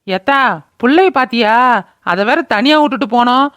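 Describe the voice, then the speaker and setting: A woman's voice: on the high side, animated, moderate pace, a bit bright, no room sound. Woman doing a cursing old village mother-in-law. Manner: wailing, cursing laments. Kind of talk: cartoon voice acting.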